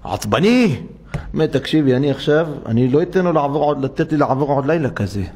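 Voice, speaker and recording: A man's voice: fairly high pitch, animated, a little mellow, slightly rough. A man preaching as a rabbi in a synagogue, telling a story and acting out each character's voice with animation. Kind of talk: sermon storytelling.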